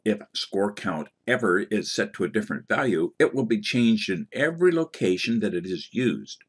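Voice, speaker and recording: A man narrating a scripted programming lesson as an instructor, in a careful dictating manner with a slightly husky voice. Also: on the low side. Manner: dictating code symbol by symbol, punctuation spoken aloud.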